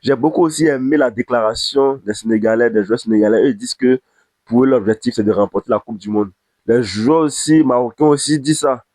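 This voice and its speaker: A man's voice: medium pitch, fairly quick, darkish tone, no echo. A man, giving an impassioned football commentary to camera and repeating phrases for emphasis. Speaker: football vlogger.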